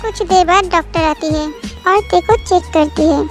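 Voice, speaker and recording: A woman's voice: very high-pitched, steady tone, moderate pace. A woman narrating a fan-made story in a plain, matter-of-fact way. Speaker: narrator of a fan dubbing channel. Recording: dry close mic with faint background music.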